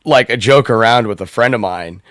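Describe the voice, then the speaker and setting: A slightly hoarse man hosting a live open-mic stream, rambling, swearing and laughing in casual chat. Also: medium pitch, fairly quick, fairly bright tone, no echo, clean studio sound.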